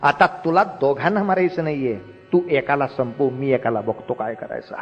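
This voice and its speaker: A man's voice: mid-range voice, animated, moderate pace, slightly rough. Guy playing a sorry younger-brother warrior, pleading, echoey lo-fi hall. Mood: remorseful. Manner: pleading, emotional storytelling. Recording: roomy hall, dull lo-fi, faint music.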